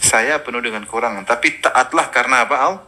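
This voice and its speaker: Bright-voiced man preaching. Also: medium pitch, fast talker. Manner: lively storytelling, quoting Arabic verses. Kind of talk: religious lecture.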